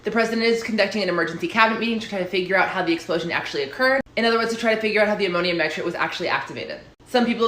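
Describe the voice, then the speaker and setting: Fast-talking young woman answering questions. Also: lowish voice, a bit bright. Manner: earnest, chatty and direct. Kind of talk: casual advice answering viewer questions. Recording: roomy echo.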